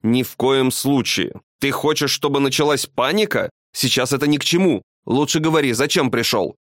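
A man voicing a gruff, skeptical male falcon co-pilot with curt replies in a storybook reading. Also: mid-range voice, moderate pace, fairly bright tone, no room sound, clean studio sound, close to an everyday voice.

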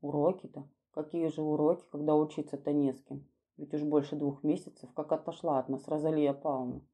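A woman voicing a kindly, fussy old male footman who talks in soft, coaxing, folksy speech. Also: deep voice, flat delivery, brisk, breathy edge. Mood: hushed.

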